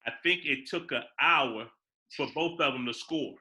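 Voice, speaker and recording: A man co-hosting a casual chat as a basketball coach, teasing and animated, often stammering as he restarts. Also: a little high, moderate pace, poor audio.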